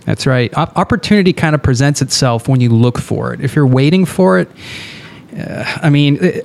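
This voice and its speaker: Middle-aged guy from new hampshire, gravelly voice, laid back rambling interview chat. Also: mid-range voice, a little hiss or hum. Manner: relaxed, rambling, laughs often. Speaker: podcast host.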